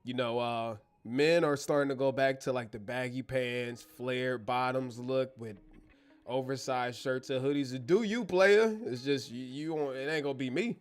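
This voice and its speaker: A German-born American man runs a relaxed live Q&A stream from his bedroom studio, joking around and using slang as he addresses his chat. His mid-range voice is clear and resonant at a normal speed. He uses a wireless clip-on mic.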